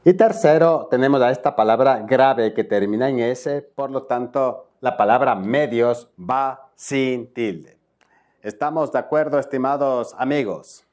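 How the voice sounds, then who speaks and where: A man from Ecuador hosts a spelling video lesson, his voice sitting at an ordinary middle pitch. He walks through each rule example by example. He keeps checking in with his viewers as he goes. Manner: explains step by step, often checks in with viewers. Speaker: spelling tutor.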